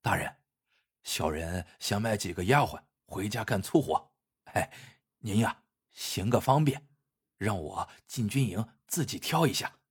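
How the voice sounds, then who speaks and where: A male storyteller voicing a greedy, cowardly rich villager who talks low and wheedling. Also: big pitch swings, normal speed, husky. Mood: wheedling whisper.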